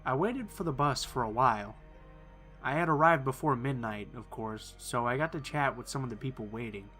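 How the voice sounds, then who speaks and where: A man reading first-person horror stories in a calm, measured storytelling voice. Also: medium pitch. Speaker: narrator. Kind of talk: scripted horror narration.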